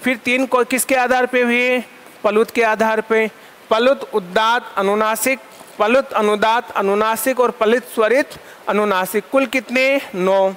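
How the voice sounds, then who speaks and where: A male Sanskrit lecturer teaching a class, asking questions and answering them himself, repeating terms in lists and dictating definitions slowly for notes. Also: very high-pitched, a bit bright, smooth.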